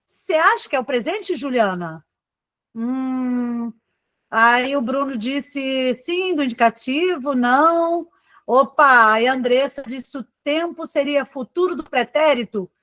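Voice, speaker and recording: A woman's voice: high-pitched, expressive, takes it slowly, fairly bright tone, dry recording. A woman teacher with a Brazilian Portuguese accent giving a live online exam-prep class, chatty, calling on students by name and tagging her points with "tá?" and "né?". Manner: chatty, addresses students by name, frequent "tá?" and "né?" tags.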